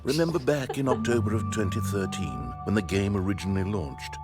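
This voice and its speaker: A man's voice: fairly low pitch, lively intonation, a little fast, over music, natural voice. An actor playing a fussy, theatrical male narrator in a video game, eloquent and grandiose, indignant or wistfully nostalgic.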